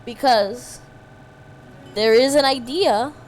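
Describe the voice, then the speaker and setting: A woman's voice: fairly high pitch, slow. A woman from Puerto Rico, a streamer chatting heatedly and emphatically over gameplay, swearing freely. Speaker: let's-play streamer. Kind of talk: casual chat over gameplay.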